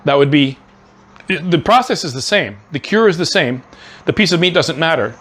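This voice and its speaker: A man's voice: a little high, animated, normal speed, fairly bright tone. A middle-aged man hosting his own cooking channel from his home kitchen, chatty and enthusiastic, with lots of fillers and restarts. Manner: talks with mouth full while tasting. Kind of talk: casual cooking vlog.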